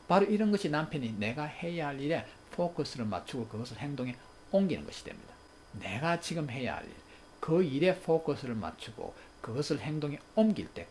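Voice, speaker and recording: Animated man giving a parenting lecture. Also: mid-range voice, a little hiss or hum. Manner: animated, acts out quoted family exchanges. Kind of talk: recorded lecture.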